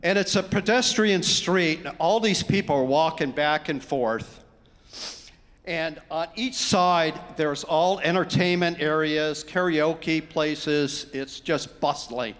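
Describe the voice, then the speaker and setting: A man giving a eulogy for his brother, telling the story in a lively way and acting out what people said. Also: a little high, slow. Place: large hall at a memorial gathering. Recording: long hall reverb.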